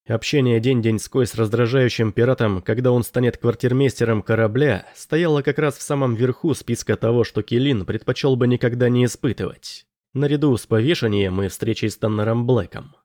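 A man with a mid-range voice narrates an audiobook in an even, measured manner. The recording is dry, with clean studio sound.

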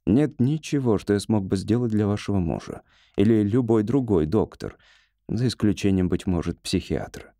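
A man voicing a calm, measured doctor. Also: mid-range voice, no echo. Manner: measured, reassuring, dry. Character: calm, patient middle-aged male doctor. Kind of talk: audiobook character voice.

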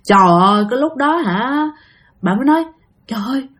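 A woman's voice: high-pitched, animated, brisk, a bit bright. A woman narrating a ghost story dramatically, speaking straight to her listeners. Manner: dramatic, addresses listeners directly.

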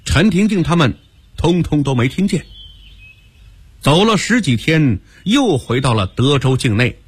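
A male storyteller narrating a radio story in an animated, expressive manner. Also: a little high, a little slow, breathy edge, dry recording. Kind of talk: dramatic Chinese storytelling narration.

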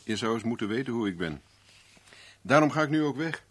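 A male actor with a Netherlands Dutch accent voices a shrewd, self-assured 1970s radio-play private investigator, measured, persuasive and knowing. The medium-pitched voice is animated, husky and fairly bright in tone, with a wry, self-assured mood.

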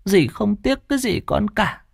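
A man voicing a kind, soft-hearted old village aunt in a spoken ghost story, talking in a tender, fussing way. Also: high voice, lively intonation, a little slow, gravelly, dry recording, studio quality, pitched above the performer's own voice, full character voice.

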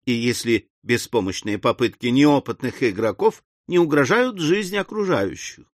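A man voicing a pompous, formal elderly gentleman in an audiobook, measured and stately. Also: mid-range voice, expressive, no echo, studio quality, lightly acted.

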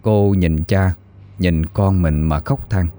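A man narrating a ghost story in a steady, solemn storytelling voice. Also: low-pitched, takes it slowly.

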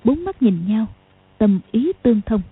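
A woman narrating a martial arts novel as an audiobook in a steady, dramatic reading. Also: a little high, moderate pace, slightly rough. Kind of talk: storytelling narration. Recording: tinny lo-fi audio.

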